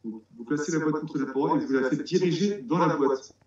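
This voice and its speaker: A man's voice: on the high side, fairly quick, a little mellow. A man from France talks about breeding frogs, hesitant and full of restarts. His voice rings in a very echoey room. The sound is dull and muffled. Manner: hesitant, many restarts, explains step by step. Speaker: amateur frog breeder. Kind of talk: casual conversational interview.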